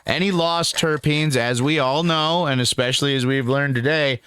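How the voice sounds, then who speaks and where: A man's voice: a little high, fairly even intonation, moderate pace, fairly bright tone, clean tone, no room sound, studio quality. A laid-back young man giving a rambling, casual review to camera, calling the viewer dude and man. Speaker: cannabis strain reviewer.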